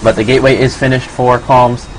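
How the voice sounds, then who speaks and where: Male caster, New York accent, mid-pitched, loose play-by-play with faint background hiss. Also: brisk, low-quality recording. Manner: relaxed, filler-heavy, casual. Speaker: esports commentator. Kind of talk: solo play-by-play commentary.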